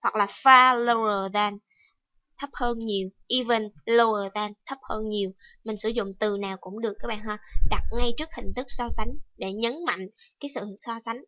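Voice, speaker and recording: A woman's voice: on the high side, steady tone, moderate pace, pushed and bright, no echo, poor audio. A woman teaching a TOEIC reading lesson, explaining step by step and repeating key words. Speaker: English teacher.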